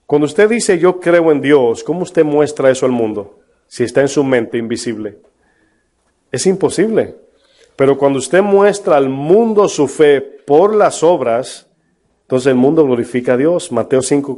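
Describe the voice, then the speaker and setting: A man's voice: mid-range voice, measured pace, darkish tone. A man preaching a sermon as pastor, emphatic, with rhetorical questions to his congregation. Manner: mocks false prophets in a put-on voice.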